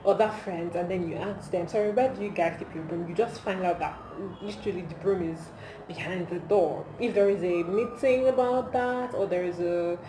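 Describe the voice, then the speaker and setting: Speaking in a lowish voice at a moderate pace, a woman with a Nigerian accent casually records a comedy vlog on her phone. She's playful and emphatic, posing rhetorical questions, and the audio carries room echo along with audible background noise.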